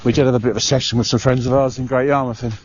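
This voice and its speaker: A man's voice: mid-range voice, flat delivery, very fast. Breathless man vlogging outdoors. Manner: rambling, chatty, with frequent "uh" and restarts. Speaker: travel vlogger. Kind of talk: casual walking vlog. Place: outdoor park by the water. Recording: dull lo-fi sound with clear background noise.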